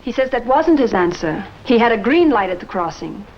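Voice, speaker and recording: An earnest witness. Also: female voice, fairly high pitch, very animated, fairly quick, muffled recording, loud music behind the voice. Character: earnest woman, helpful witness and interpreter. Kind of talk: 1950s TV drama acting.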